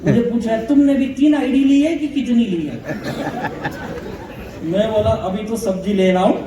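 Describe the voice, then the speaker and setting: Before a live audience in a big hall, a motivational speaker with a very high voice tells a funny story at normal speed, bringing its dialogue to life in an animated way. The sound has hall echo, distant miking, and crowd noise.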